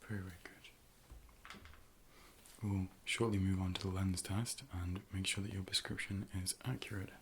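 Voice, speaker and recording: This deep-voiced man plays an optician in a breathy ASMR scene, moving at a normal speed with many pauses. Close to the microphone, he gently guides and reassures, his calm speech often sinking into whispers, with a faint hiss or hum present.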